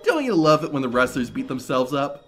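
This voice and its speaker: A man's voice: mid-range voice, very animated, a little fast, a bit bright. A man reading scripted narration for a wrestling countdown video. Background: music.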